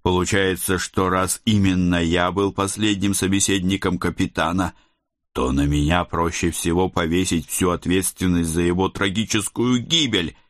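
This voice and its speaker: A man reading a first-person audiobook in a calm, measured, dryly ironic manner. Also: sits low, dry recording, clean studio sound. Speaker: audiobook narrator.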